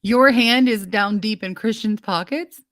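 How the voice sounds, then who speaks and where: A woman co-hosting a podcast in casual chat, quick to laugh and teasing. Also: mid-range voice, fairly bright tone, no room sound, studio quality. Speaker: podcast co-host.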